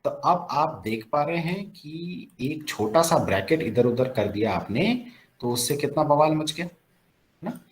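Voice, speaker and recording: A logic teacher with a rather high voice lectures at a measured pace in a classroom setting captured on a recorded screen. He poses questions and answers them himself in a lively way, slipping in English phrases, and the recording is rough.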